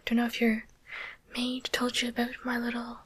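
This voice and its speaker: In an ASMR roleplay, a woman whispers close to the mic as a softly teasing, curious demon doctor, coaxing and deliberate. Her voice is a little high, husky and monotone, and the mood is teasing and confiding.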